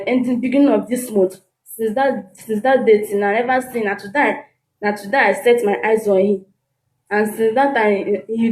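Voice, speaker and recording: A woman's voice: on the high side, darkish tone. A woman with a Nigerian accent speaks Nigerian Pidgin mixed with English, recounting a grievance as a tenant into a handheld microphone. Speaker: complainant tenant. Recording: echoey room, handheld microphone.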